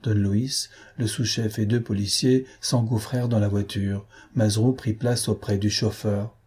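Dark husky male audiobook narrator. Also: lowish voice, little pitch movement, unhurried. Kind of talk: scripted literary narration.

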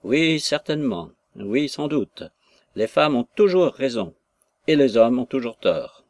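A man's voice: mid-range voice, big pitch swings, measured pace, no echo, studio quality. A man voicing a blustering indignant old father. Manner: indignant, accusing questions.

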